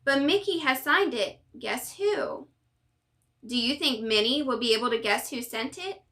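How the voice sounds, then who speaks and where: A woman's voice: sits high, animated, unhurried, sharp tone. A woman hosting a bedtime story, reading a children's storybook aloud and chatting with young listeners through questions. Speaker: bedtime story host and reader.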